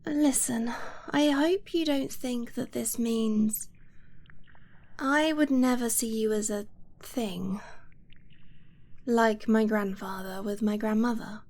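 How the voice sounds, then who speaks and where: In an intimate ASMR romance roleplay, a woman voices an affectionate young dragonblooded girlfriend, her voice on the high side. She speaks breathily and quietly, pausing hesitantly, with an earnest, unsure mood.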